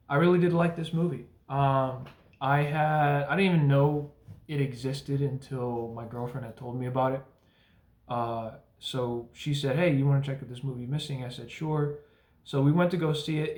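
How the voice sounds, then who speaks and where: A man's voice: mid-range voice, darkish tone. Rambling young man with a roomy echo. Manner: rambling, frequent fillers and restarts, blunt profanity. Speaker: movie reviewer. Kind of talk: casual spoken review.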